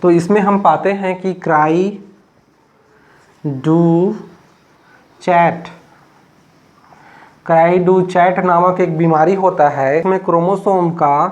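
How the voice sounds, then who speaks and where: A man's voice: sits high, steady tone, slow, pauses often. A man from Chhattisgarh teaching a biology class, explaining step by step and repeating himself often, with many fillers. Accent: Chhattisgarh Hindi. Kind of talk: classroom lecture.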